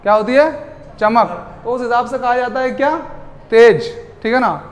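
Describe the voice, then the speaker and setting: A man teaching a class in a lively lecture style. He keeps asking the students questions and then answers them himself. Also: extremely high pitch, normal speed. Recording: long hall reverb.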